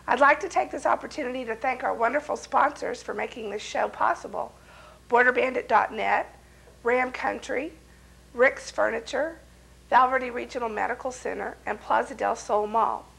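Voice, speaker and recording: A woman hosting a local TV cooking show, hoarse from a cold, folksy and chatty with her viewers. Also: a little high, fairly bright tone, rough recording.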